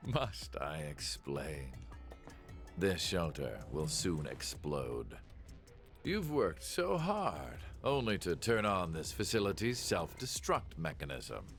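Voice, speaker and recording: A man playing a calm, smug old villain in a video game, delivering a deliberate, theatrical villain monologue in a deep, gravelly voice. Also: soft background music, full character voice. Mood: cold, menacing. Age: older. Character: scheming old male villain, calm, smug, explaining his plot.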